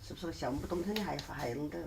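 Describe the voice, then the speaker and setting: A woman's voice: sits low, quick pace, creaky, crowd noise. A middle-aged woman with a Sichuanese accent chatting casually and giving matter-of-fact cooking instructions. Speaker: mother-in-law giving kitchen guidance. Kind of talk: casual family chat while cooking.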